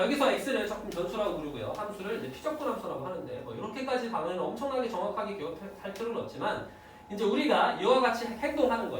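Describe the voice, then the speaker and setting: Man, math teacher, lively classroom lecture, faint room hum, heavy echo. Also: high voice, far from the mic. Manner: lively, checks understanding with students.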